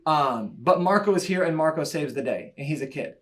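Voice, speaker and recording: A man giving an enthusiastic, chatty breakout talk at a church conference, with quick asides and laughs. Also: a little high, animated, fairly bright tone. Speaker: church media leader speaking at a conference breakout. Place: church breakout session room.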